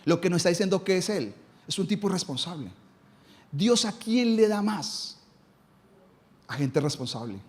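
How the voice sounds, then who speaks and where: A man preaches in church with a raised, high-pitched voice. He hammers his points home by asking questions aloud and answering them himself. His delivery is emphatic, the way a pastor talks to his congregation. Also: animated, moderate pace, pauses often. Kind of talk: live sermon.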